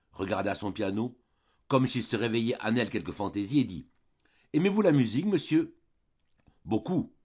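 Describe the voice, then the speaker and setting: A man reads a classic novel aloud in a measured, expressive way. His voice is low and somewhat husky. The recording sounds a little dull. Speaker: audiobook reader. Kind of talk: literary audiobook narration.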